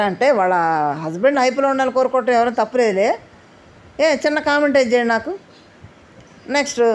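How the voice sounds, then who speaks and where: Chatty woman with a higher voice. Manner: chatty, keeps asking viewers to comment. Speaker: reality show commentator. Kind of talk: casual opinion commentary.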